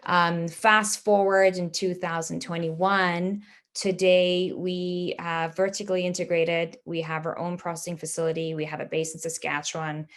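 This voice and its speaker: As an interview guest, a family business executive in her thirties from Dubai explains her answers plainly. She speaks at normal speed in a level voice on the low side.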